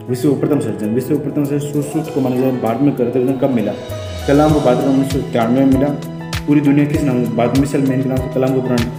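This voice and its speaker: A man teaching an exam revision lesson, rattling off quick question-and-answer points with frequent restarts. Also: mid-range voice. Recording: echoey room with faint music.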